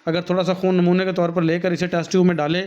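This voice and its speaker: A male teacher with a Pakistani Urdu accent reads from a textbook, then stops to explain each point in his own words. His voice sits a little high. The recording sounds dull and lo-fi. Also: level tone, rapid-fire, clear, resonant tone. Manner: reads a passage, then explains it warmly to students, calling them "beta".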